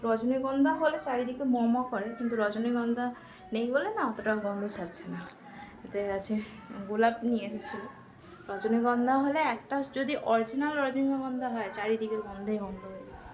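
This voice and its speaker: A woman's voice: fairly high pitch, fairly quick, a crowd in the background, poor audio. A woman chatting casually in a home vlog, speaking to viewers as friends and guiding a small child as she picks vegetables in the garden. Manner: instructs a small child while picking vegetables. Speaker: home vlogger. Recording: background music over the voice.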